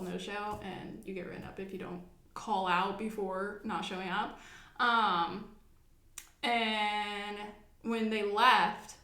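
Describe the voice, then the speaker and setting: Young woman podcast cohost, bright voice, laughs a lot, echoey room. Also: mid-range voice. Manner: animated storytelling, laughs often. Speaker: podcast co-host. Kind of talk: casual chat.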